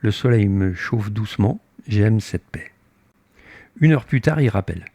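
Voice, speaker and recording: A man's voice: fairly low pitch, a little slow, creaky, no room sound. Older man telling a sea story animatedly. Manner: animated, acts out his own heated dialogue. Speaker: sailboat captain recounting his voyage. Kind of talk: casual spoken storytelling.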